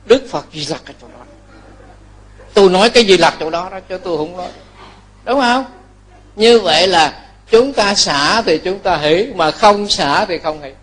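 A male Buddhist monk, giving a lively sermon, telling stories and often asking the listeners to agree. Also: sits high, moderate pace, long pauses. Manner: lively storytelling, chuckles, asks listeners to agree. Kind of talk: Dharma talk sermon.

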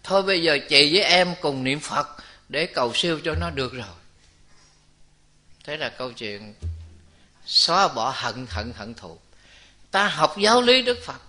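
A man preaches, telling a moral tale to his audience. His voice is bright and cutting, and it sits a little high for a man. He slips in and out of the voices of the people in his story. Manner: lively storytelling, acts out characters' voices, addresses the audience directly. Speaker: Buddhist preacher. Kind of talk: storytelling dharma talk.

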